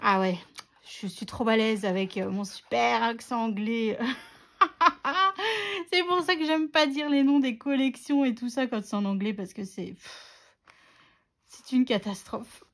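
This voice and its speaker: A woman's voice: on the high side, lively intonation, normal speed. A woman narrating a scrapbooking tutorial in a chatty, self-mocking way, with many fillers. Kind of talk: casual craft tutorial narration.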